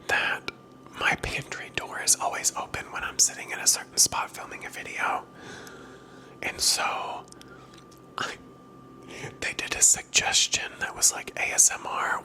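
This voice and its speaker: A close, breathy ASMR whisper, candid and rambling. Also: rough recording. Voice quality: breathy whisper, occasionally soft-spoken. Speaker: ASMR content creator. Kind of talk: whispered ASMR vlog, casual chat. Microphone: clip-on wireless microphone, held close.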